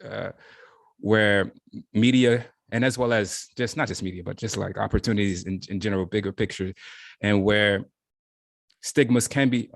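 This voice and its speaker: A man's voice: fairly low pitch, no room sound. A man speaking as a panelist in a discussion, searching for words and hesitating as he talks.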